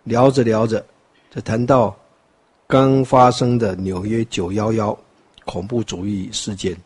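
Older man, Taiwanese Mandarin accent, husky low voice, rambling dharma talk, wry asides. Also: little pitch movement, unhurried, darkish tone. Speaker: Buddhist teacher.

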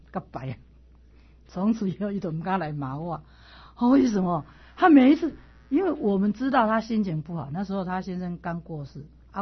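A middle-aged woman teaching a class on classical texts, telling personal stories in an animated way and often repeating herself as she restarts. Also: lowish voice, slightly rough. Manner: animated storyteller, repeats words and stammers on restarts. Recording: dull lo-fi recording.

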